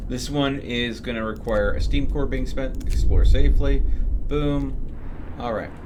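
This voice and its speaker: A man's medium-pitched voice, a little slow, offers loose, rambling commentary on his play as he streams a game, breaking things down step by step. Background noise is clearly heard.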